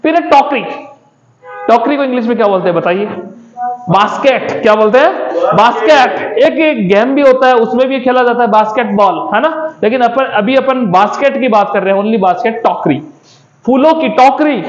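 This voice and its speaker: A man's voice: extremely high pitch, moderate pace. A man teaches English vocabulary to children, repeating each word and asking the class to call it back. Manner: repetitive call-and-response questioning. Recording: echoey muffled room recording.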